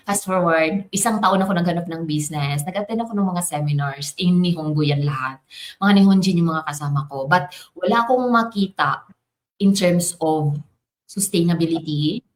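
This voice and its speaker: A woman, a business coach, telling her personal story in a casual, animated way and mixing in English and Japanese phrases. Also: fairly low pitch. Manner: animated, switching between Tagalog, English and Japanese.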